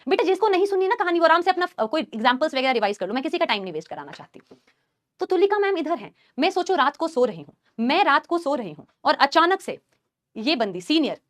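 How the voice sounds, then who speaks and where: A woman teacher telling a story to her students in a live class, animated and acting out the scenes. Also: sits high, fast. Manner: animated, acts out scenes and shrieks.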